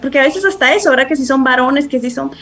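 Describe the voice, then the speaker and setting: A woman with a notably high voice talks through parenting in a podcast interview. She is earnest and reflective, often restarting phrases and tagging questions onto her points. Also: fast, fairly bright tone. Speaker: parenting guest expert.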